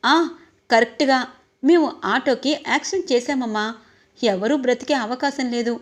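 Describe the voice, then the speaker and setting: A blunt, rough hired thug making a report over the phone, as a woman storyteller puts him on. The voice is only lightly acted and stays fairly high. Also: normal speed, lightly acted.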